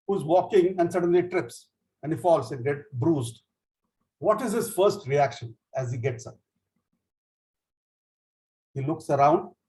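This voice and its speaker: A man with an Indian English accent teaches a session on humorous speaking, pitched a touch high. He explains in a lively way, with many small fillers, and slips into quick acted voices when he retells jokes. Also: rough recording. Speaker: speech trainer. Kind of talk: online education session.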